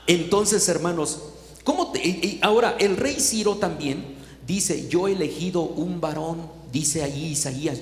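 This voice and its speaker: A man preaching a fervent sermon, telling a story to the congregation. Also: fairly high pitch. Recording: echoey hall.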